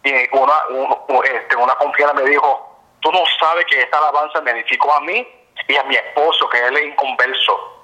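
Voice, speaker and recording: Man, gospel minister, fervent storyteller, very bright voice, English fillers. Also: medium pitch, steady tone, a little fast, muffled recording. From United States. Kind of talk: interview, telling a story.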